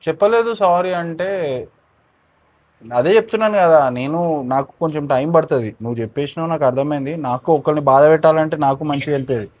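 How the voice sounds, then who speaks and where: A man's voice: fairly high pitch, very fast, lo-fi sound. A man, talking earnestly and pleadingly in an emotional on-camera conversation. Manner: earnest, pleading, often subdued. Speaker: regular of the show.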